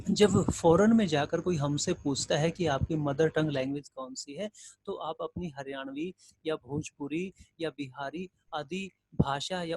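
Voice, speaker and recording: Male Hindi teacher, raised pitch, explains with examples and questions, dry booth. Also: slightly rough, no room sound. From India. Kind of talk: recorded grammar lesson.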